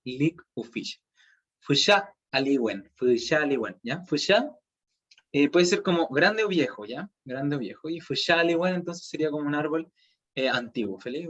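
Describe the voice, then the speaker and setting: A Chilean man teaches a language class over a video call, walking through each example patiently and often checking that students follow. His voice sits fairly high for a man. The sound comes through a computer mic as dull, muffled, lo-fi audio. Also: fairly bright tone. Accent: Chilean Spanish. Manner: explains step by step, checks in with "¿cierto?" and "¿ya?". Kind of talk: online class lecture.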